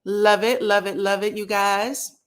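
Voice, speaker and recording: A reality TV recap livestream host chats casually, greeting viewers by name as she goes. Her voice is medium-pitched and slightly scratchy, with fairly even intonation and an unhurried pace.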